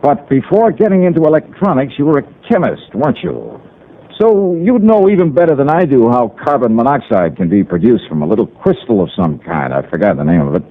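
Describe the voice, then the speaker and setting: An actor narrates a 1950s radio drama as its lead, a confident, sardonic insurance investigator, in a wry, assured, confronting manner. His mid-range voice is expressive and brisk, lightly acted, on a tinny lo-fi old radio recording with slight background noise.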